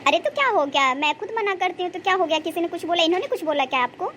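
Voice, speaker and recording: A woman voicing a young, devoted daughter-in-law in a cartoon story, protective of her mother-in-law and sharp-tongued about her husband. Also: extremely high pitch, animated, very fast, a little hiss or hum. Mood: worried. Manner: protective, scolds and soothes.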